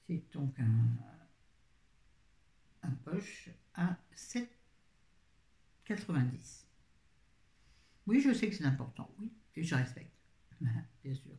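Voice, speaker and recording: A woman with a low-pitched, mellow voice chats casually with her viewers about books as a book vlogger. She rambles and often interrupts herself. The recording has a roomy echo.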